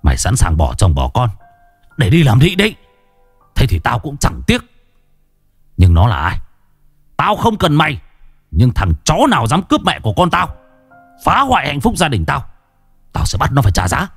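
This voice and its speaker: A man doing a gruff, furious wronged husband. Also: low voice, big pitch swings, normal speed, pauses often, darkish tone, no room sound, soft background music. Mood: enraged. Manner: gruff, clipped threats and demands. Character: wronged husband, restrained then furious, middle-aged.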